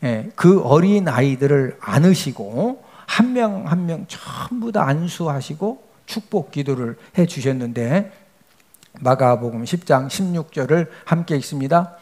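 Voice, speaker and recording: A man's voice: fairly high pitch, lively intonation, unhurried, a little mellow. A male pastor preaching a sermon, often asking the congregation questions and answering them himself, with frequent emphatic checks to the listeners.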